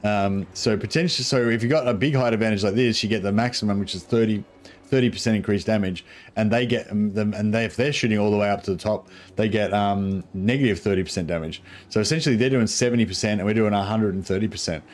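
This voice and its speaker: A man's voice: lowish voice, fast. A man with a broad New Zealand accent giving casual gameplay commentary in a laid-back, sweary, rambling way. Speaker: gaming streamer.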